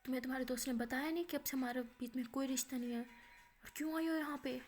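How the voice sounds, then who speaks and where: A woman's voice: sits high, moderate pace, faint music behind, pitched above the performer's own voice, natural voice. Woman voicing an angry, hurt young woman. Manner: sharp, indignant.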